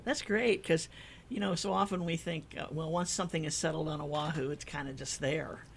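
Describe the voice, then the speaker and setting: A middle-aged woman from the American Midwest hosting a casual radio interview show, chatty and quick to laugh along with her guest. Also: low-pitched, fairly even intonation, gravelly, a little hiss or hum.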